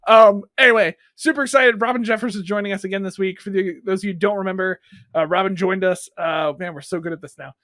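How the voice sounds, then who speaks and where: High bright-voiced guy hosting a podcast, jokey and rambly, keeps laughing. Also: fairly even intonation, fast talker, dry recording, studio quality. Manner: joking, rambling, laughs often. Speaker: podcast co-host. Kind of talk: casual podcast banter.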